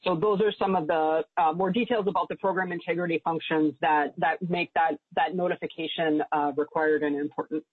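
A woman testifies as an agency director at a public hearing, formal and measured but filling pauses with frequent ums. Her voice arrives over a remote call link, thin and phone-like in a hearing recording. The line is dry, with a slightly husky edge. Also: low-pitched, fairly even intonation, no room sound. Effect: remote call audio in a hearing recording. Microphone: video call link.

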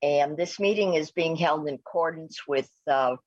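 An American woman chairing a remote meeting, speaking formally and procedurally with a halting, hesitant delivery. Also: low-pitched, darkish tone, no room sound. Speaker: committee chair. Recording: muffled lo-fi remote meeting audio.

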